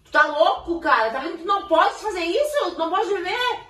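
Woman, very high lively voice, scolding, exasperated, echoey room from far off. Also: a little fast. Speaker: family member.

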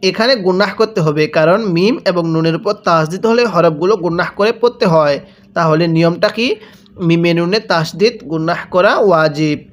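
Male teacher, high register, patient spelled-out recitation drills, long drawn syllables, call-and-repeat. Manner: slow, drawn-out syllables with repeated prompts to read along. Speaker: Quran reading teacher.

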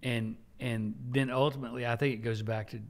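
A man's voice: mid-range voice, brisk, gravelly. A man in his forties, a pastor hosting a church talk show, speaking earnestly at a desk mic in a small indoor studio. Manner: earnest, animated gestures, frequent affirming yeahs. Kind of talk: conversational church podcast. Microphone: desk mic on a stand.

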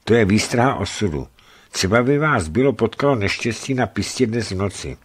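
A man's voice: on the low side, animated, husky. A man voicing a kind, earnest young waiter who soothes and offers himself as a servant, in a radio book reading.

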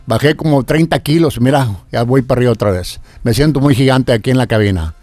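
A man's voice: mid-range voice, a little mellow, no room sound. An older man, a radio announcer, talking in a casual interview and often stumbling and repeating words. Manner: halting, repeats words after a stroke.

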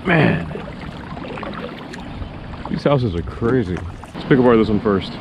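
Slow-talking man fishing from a kayak. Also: fairly low pitch, lively intonation, gravelly. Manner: chatty, self-deprecating, talks to himself and the fish. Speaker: fishing vlogger. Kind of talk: casual running commentary while kayak fishing. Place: outdoors on a lake in a kayak. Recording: outdoor water noise behind voice. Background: water and outdoor ambience.

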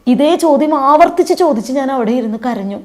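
A woman's voice: sits high, lively intonation, fast talker, darkish tone. A middle-aged woman from Kerala, giving an earnest, emotional faith testimony about losing her son. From Kerala, India. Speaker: bereaved mother giving testimony.

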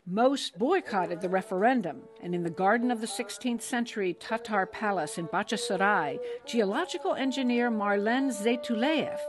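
A woman correspondent reading a scripted news report in a measured, even way. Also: medium pitch, music in the background. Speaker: foreign affairs correspondent.

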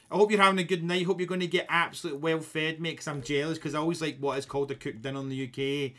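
A man with a Scottish accent streaming a game, chatting to his viewers in a sweary, excitable way that breaks into shouting. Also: a little high. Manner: sweary, loud and excitable, shouting when riled. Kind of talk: casual gaming stream chat.

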